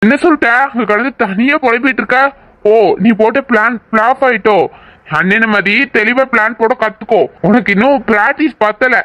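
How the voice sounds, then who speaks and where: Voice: medium pitch, a little fast, fairly bright tone, dry recording, muffled recording, close to an everyday voice. A performer voicing a teasing, joking young man who mocks his friends. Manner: mocking, playful.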